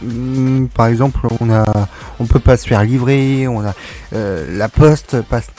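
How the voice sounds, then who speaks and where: A man talking as a guest on a radio show in casual conversation, in a hesitant, halting way full of fillers. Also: medium pitch, steady tone, dark tone, soft background music.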